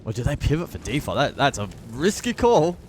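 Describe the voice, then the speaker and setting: Mid-pitched male esports analyst, faint noise. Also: sing-song, brisk. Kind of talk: live esports analysis commentary.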